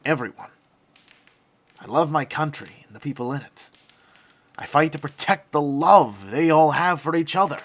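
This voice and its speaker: An actor playing an earnest, principled young American soldier captain in an audio drama, solemn and idealistic. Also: male voice, on the high side, lively intonation, moderate pace, pauses often, fairly bright tone. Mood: solemn, resolute. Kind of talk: cinematic audio drama acting.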